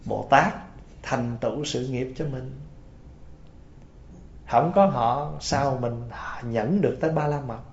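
A man preaches a storytelling Buddhist sermon slowly, pausing often, in a mid-range voice. Folksy in tone, he repeatedly questions his listeners, and the lo-fi audio is dull and roomy.

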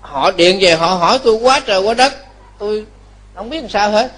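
A male Buddhist monk, giving a lively sermon, telling stories and often asking the listeners to agree. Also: high-pitched, moderate pace. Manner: lively storytelling, chuckles, asks listeners to agree. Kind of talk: Dharma talk sermon.

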